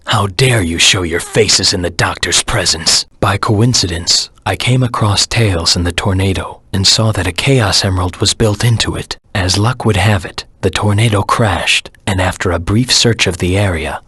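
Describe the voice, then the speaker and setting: A man voicing a brooding, stern hedgehog antihero in a video game, with a raspy, serious, clipped delivery. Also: pushed and bright, dry recording, exaggerated voice. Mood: cold, contemptuous, then focused, determined. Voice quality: raspy, gravelly low voice. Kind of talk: scripted video game character lines, mission recaps.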